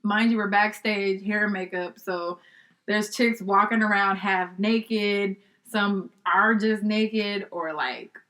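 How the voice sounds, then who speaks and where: Woman, young adult, podcast guest, casual storytelling, animated, quotes in other voices. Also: mid-range voice, slow pace. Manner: animated, acts out quoted voices, laughs often.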